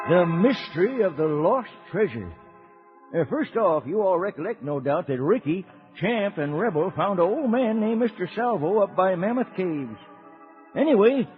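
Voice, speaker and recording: A man playing a folksy old cowboy uncle with an American Western accent, telling children a radio serial. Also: sits high. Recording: tinny old radio recording, music behind.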